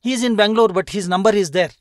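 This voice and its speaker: An older speaker with a South Indian accent recounts past work as a retired officer. The delivery is conversational and halting, full of reported dialogue. The sound is dry, with little room in it. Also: mid-range voice, steady tone, no echo. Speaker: retired customs officer, interview guest. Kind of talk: anecdotal storytelling in conversation.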